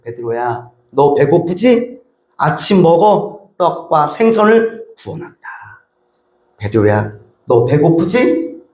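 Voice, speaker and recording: A man voicing a gentle, caring adult man, speaking slowly and tenderly in a roomy church. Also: a little high, sing-song. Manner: slow, soft, tender delivery.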